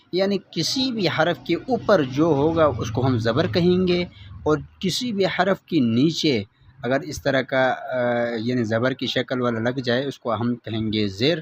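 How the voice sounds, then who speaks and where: A male teacher giving an online reading lesson, patiently explaining step by step and slowly sounding out each letter and vowel in drills. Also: medium pitch, slight background noise.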